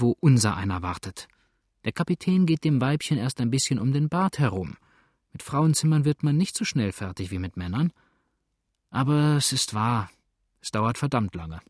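A man voicing a gruff old boatswain who growls out blunt remarks in an audiobook. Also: medium pitch, animated, normal speed, no room sound, clean studio sound. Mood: grumbling.

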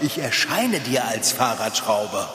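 Casting: a man as a hearty, teasing Christmas spirit for a children's audio play, unhurried and echoing with a long reverb tail. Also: mid-range voice, big pitch swings, bright, forceful tone. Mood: jolly. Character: jolly booming ghost of Christmas present.

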